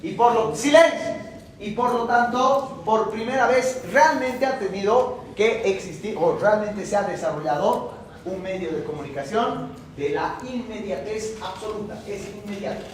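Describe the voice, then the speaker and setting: A man's voice: high-pitched, moderate pace, echoey room. A middle-aged man giving a classroom lecture in a colloquial, emphatic way, repeating his key phrases. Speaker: university lecturer.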